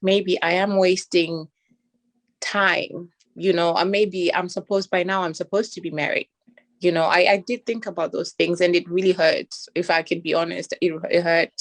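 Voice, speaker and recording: A woman with a somewhat low voice speaks candidly on a podcast, often restarting her sentences. Her tone is earnest and personal. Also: fairly even intonation, normal speed. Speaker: podcast co-host. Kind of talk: casual chat.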